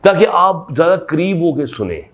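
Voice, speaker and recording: A man's voice: on the high side, normal speed. A man, a doctor giving an explanatory talk and leaning on rhetorical questions. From Pakistan. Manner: lively, emphatic, frequent rhetorical questions. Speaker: sexologist doctor.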